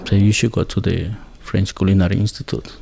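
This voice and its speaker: Gravelly low-voiced Ecuadorian man. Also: level tone, darkish tone. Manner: halting, searching for words, second-language English. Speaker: guest, builder and former chef. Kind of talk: conversational interview.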